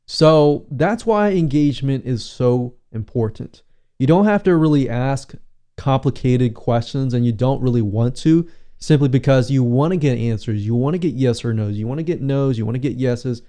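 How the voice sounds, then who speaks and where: A man coaching on webinars in a relaxed, conversational teaching tone, often repeating his points and asking rhetorical questions. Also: mid-range voice, normal speed. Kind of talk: instructional talk.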